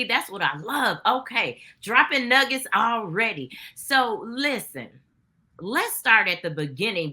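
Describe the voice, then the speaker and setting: A woman's voice: fairly low pitch, sharp tone. A woman hosting an interview podcast, enthusiastic and hyping up her guest. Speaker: podcast host.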